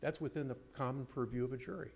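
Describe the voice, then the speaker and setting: A male attorney with a medium-pitched voice argues an appeal in court. He presses his points insistently while staying deferential to the bench. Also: fairly even intonation, fast talker, gravelly, darkish tone, breathy edge. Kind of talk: appellate oral argument.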